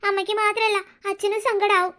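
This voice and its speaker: A woman's voice: extremely high pitch, flat delivery, brisk, pushed and bright. A woman voicing a caring teenage older sister in a cartoon, reassuring her younger sibling. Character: earnest teenage girl, protective older sister. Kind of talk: cartoon voice acting.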